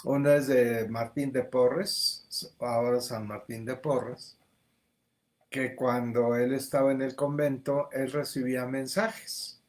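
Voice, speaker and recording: A male spiritual teacher delivers a livestreamed lesson at a very unhurried pace. His voice sits at an ordinary middle pitch, and he talks deliberately, circling back and repeating words as he builds each point. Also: fairly even intonation. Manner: slow, deliberate, with frequent repetitions.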